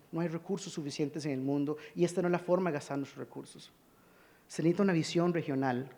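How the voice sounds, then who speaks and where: A man's voice: on the high side, warm tone. A man from Rica, giving an earnest conference presentation and calling for the next slide. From Costa Rica. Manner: earnest, urging, cues slides. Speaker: conference speaker. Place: conference hall. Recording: long hall reverb.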